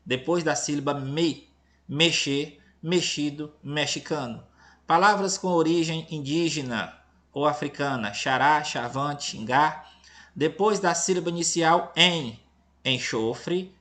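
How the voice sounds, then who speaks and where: A Brazilian man with a slightly high voice reads a grade-school lesson aloud. He talks patiently and often asks the class whether they follow. Now and then he teases them about nearly giving away the answers. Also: slow, fairly bright tone. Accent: Brazilian Portuguese, Tocantins. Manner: patient, checks in with "entendeu?" and "beleza?". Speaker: teacher. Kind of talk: reading a lesson aloud to children.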